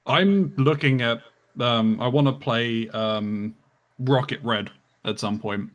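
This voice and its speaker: A man with a mid-range, fairly bright voice chats casually on a stream about old games, speaking slowly. He sounds hesitant and fills his speech with many "um"s, and the recording has its highs cut off.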